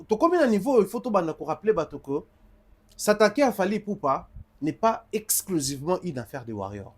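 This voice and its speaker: A man's voice: high-pitched, very animated, a little fast. A man, commentating emphatically in a heated studio debate on music, switching between French and Lingala.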